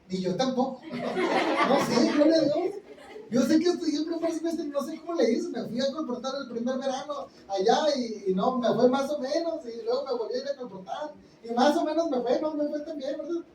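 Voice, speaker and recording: A man preaches with lively exclamations. He is heard from some distance in a reverberant church hall. A faint hum sits underneath. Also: very high voice. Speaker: pastor. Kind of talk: sermon. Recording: echoey room, speaker far from mic, faint noise.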